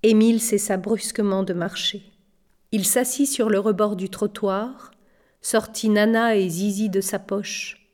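A woman narrating a children's storybook in a gentle, measured way. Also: mid-range voice, fairly even intonation. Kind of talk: audiobook narration.

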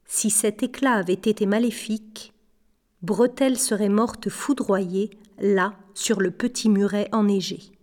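A woman reading a novel aloud as narrator, measured in her storytelling and sometimes dropping to a hush. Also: medium pitch. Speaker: audiobook narrator.

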